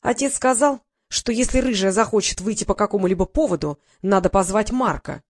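Woman reading a storybook aloud, steady narrator. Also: medium pitch, a little fast. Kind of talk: audiobook narration.

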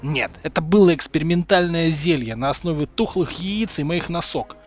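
A man's voice: on the high side, moderate pace, highs cut off, soft background music, lightly acted. A man voicing a cheeky, flippant teenage boy wizard who mocks his enemies. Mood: cocky, mocking. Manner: sarcastic, flippant.

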